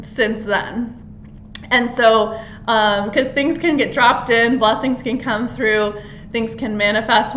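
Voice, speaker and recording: A woman's voice: a little high, a bit bright. Woman, spiritual coach, casual chatty astrology talk, lots of "like" and "um", roomy echo, faint room hum. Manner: chatty, filler-heavy, giggly.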